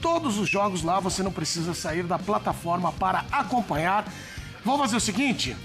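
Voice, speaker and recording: A man hosts a live football talk show in a very high-pitched voice. He banters with his panel and moves the programme along, with music clearly audible behind him. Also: big pitch swings, a little fast, a bit bright. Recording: background music under the voice.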